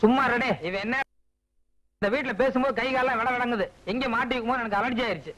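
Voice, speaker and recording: A man's voice: extremely high pitch, fast talker, pushed and bright. An actor playing a sly young man who fakes tearful wailing over a lost sister, in a 1980s film comedy. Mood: scheming. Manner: wailing and sobbing.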